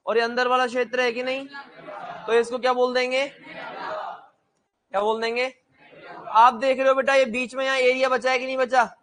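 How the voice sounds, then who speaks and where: A man's voice: very high voice, little pitch movement, moderate pace, pauses often, fairly bright tone, a faint crowd. A young man teaching a classroom lecture, blunt and joking, who asks his students questions and then answers them himself.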